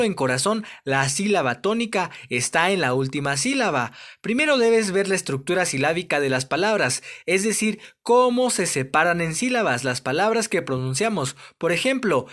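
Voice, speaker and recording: A male primary school teacher, explaining a recorded lesson summary clearly and stressing key words. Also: sits high, fairly bright tone.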